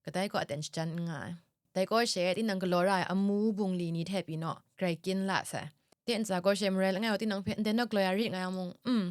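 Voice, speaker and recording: A woman's voice: mid-range voice, a little fast, smooth, no room sound, studio quality. A woman hosting a solo podcast in a casual, chatty way, often laughing and dropping English words into her talk. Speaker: podcast host.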